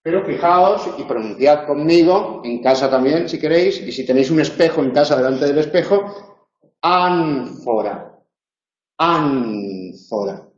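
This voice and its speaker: Speaking from a big room with deadened acoustics, a university lecturer runs an online tutoring lecture, slowly demonstrating sounds as he explains. His voice sits on the high side with a darkish tone.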